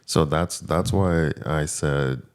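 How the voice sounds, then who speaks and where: A man's voice: very deep voice, slow, clear, resonant tone. A man co-hosting a podcast in casual chat, thinking aloud reflectively with hesitant restarts and questions. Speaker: podcast co-host.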